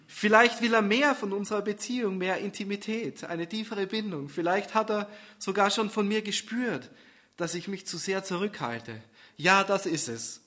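Man doing a high, fretful young woman, tearful, overthinking, bright voice. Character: anxious, soul-searching young woman in love.

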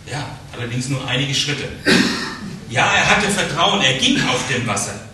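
A man's voice: medium pitch, sing-song, normal speed, pushed and bright. A man leading a conversational Bible study, often repeating words and checking in with his listeners. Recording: very echoey room, distant mic, faint noise.

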